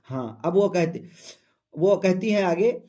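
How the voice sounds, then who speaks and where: High-voiced man teaching Hindi verse. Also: expressive, dark tone. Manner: recites verse lines slowly, then explains them plainly. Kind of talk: poem explanation lesson.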